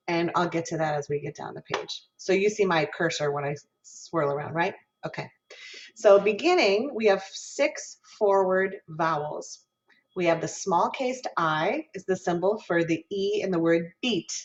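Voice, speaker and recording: A woman from Minnesota teaching an online diction lesson as a guest professor, explaining and voicing vowel sounds aloud over a video call. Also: fairly low pitch. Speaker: guest lecturer, music professor. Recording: dull lo-fi video call audio.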